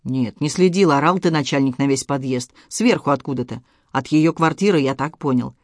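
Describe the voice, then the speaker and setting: A man reading an audiobook, voicing a calm, mocking male ex-convict who drawls in criminal slang. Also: mid-range voice, normal speed, no echo, studio quality, lightly acted. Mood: sly.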